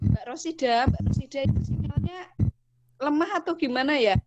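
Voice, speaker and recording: A woman's voice: high-pitched, animated, normal speed, crowd noise. A woman examiner asking a trainee teacher probing questions over an online call, her voice choppy from a bad connection, cutting in and out. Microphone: video call. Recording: dull lo-fi video call audio.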